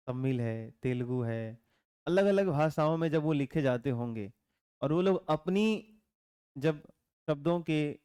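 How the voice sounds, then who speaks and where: A man teaching a classroom lecture, explaining calmly and often stopping to check that the students follow. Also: a little high, clear, resonant tone, no echo, clean studio sound. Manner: asks the class frequent check questions; calm explaining tone with teasing asides. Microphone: camera mic in classroom.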